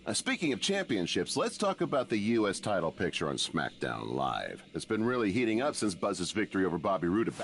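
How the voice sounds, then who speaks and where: An actor playing a wrestling podcast co-host recapping events in a video game. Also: male voice, fairly low pitch, wildly swooping pitch, fairly quick, few pauses. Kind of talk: scripted podcast talk.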